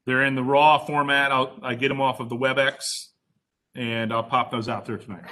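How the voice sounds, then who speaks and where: A man's voice: mid-range voice, flat delivery, normal speed, sharp tone. A man teaching an online class as instructor in a casual, conversational, explanatory way.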